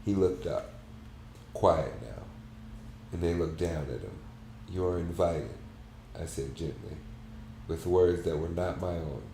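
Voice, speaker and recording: A very deep-voiced man reads aloud in a soft, halting, unhurried manner. His tone is dark and mellow, and the room around him rings with a roomy echo over a faint hum. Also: creaky. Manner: soft, halting, measured delivery. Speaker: book club host. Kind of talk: reading a book aloud.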